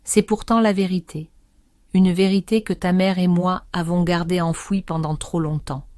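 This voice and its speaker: A woman voicing a 65-year-old aunt who speaks calmly and steadily, with quiet resignation. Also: on the low side, dry recording, lightly acted. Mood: calm intimate. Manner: calm, measured, intimate.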